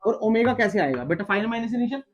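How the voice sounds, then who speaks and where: A man tutoring physics at a board, coaxing and teasing his student and checking again and again that it is clear. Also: high voice, lively intonation, fast. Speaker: physics teacher. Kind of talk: blackboard tutoring session. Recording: dull lo-fi recording.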